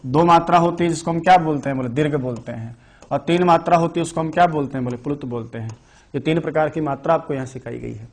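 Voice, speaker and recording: A man with a fairly high voice teaches Sanskrit grammar in an online exam-prep lecture at a quick pace. He asks questions and answers them himself, repeating the key terms.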